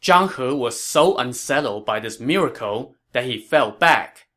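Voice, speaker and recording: A man narrating a historical tale in a measured, dramatic storytelling manner. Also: medium pitch, expressive, a bit bright.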